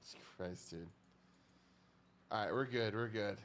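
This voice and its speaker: A man's voice: on the low side, measured pace, fairly bright tone, a little hiss or hum. A male live streamer chatting casually to his viewers, swearing freely and repeating his phrases.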